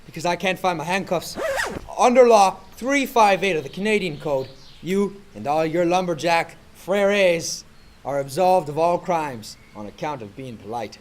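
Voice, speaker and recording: A man's voice: fairly high pitch, expressive, normal speed, a little hiss or hum, lightly acted. A man playing a cheerful, easygoing police officer in an amateur comedy radio play, talking in a chummy, theatrical way. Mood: relieved.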